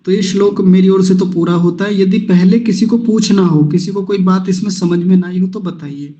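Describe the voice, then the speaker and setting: A man's voice: sits high, fairly even intonation, dark tone, low-quality recording. A man teaching Sanskrit verse recitation in an online class, breaking words into syllables patiently and having students repeat after him. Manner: patient, slow, syllable-by-syllable pronunciation drills.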